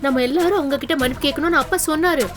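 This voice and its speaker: A woman's voice: high voice, rapid-fire, over loud music, lightly acted. A young woman playing a pregnant young wife in a TV serial, imploring her aunt earnestly. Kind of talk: TV serial acting.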